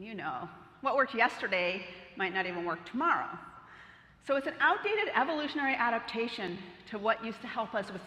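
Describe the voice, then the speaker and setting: A middle-aged woman delivers a keynote in a bright, slightly high voice. She talks in a lively, playful way, tossing questions to the audience. Her voice rings out through a large, echoing hall. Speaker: keynote speaker. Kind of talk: conference keynote talk. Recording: roomy hall reverb.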